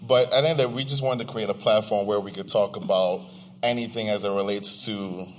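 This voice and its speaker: Recorded live at an event venue with slight distortion and a little hiss or hum, a young Nigerian-American man co-hosts a podcast. His fairly low voice stays fairly even in intonation and runs a little fast as he chats casually with slang to the audience.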